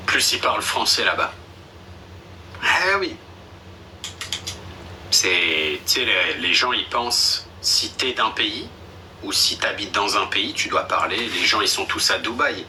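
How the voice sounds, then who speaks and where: A man's voice: lowish voice, expressive, unhurried, pauses often, pushed and bright. A young man chatting casually on a live stream, blunt and slangy, with a dismissive streak. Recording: a bit distant with faint background noise.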